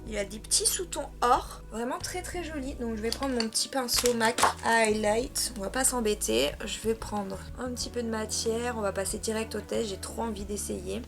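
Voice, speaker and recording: A woman's voice: fairly high pitch, moderate pace, gravelly, few pauses, over loud music. A young woman from France in a casual makeup vlog, talking in a chatty way with many hesitations while she applies products. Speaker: beauty vlogger.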